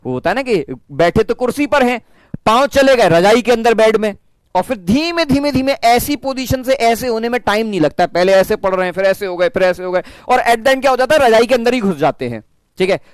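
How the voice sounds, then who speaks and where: High-voiced man teaching online. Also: dry recording. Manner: chatty, mimics students in quick asides. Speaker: physics teacher. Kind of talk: online class pep talk.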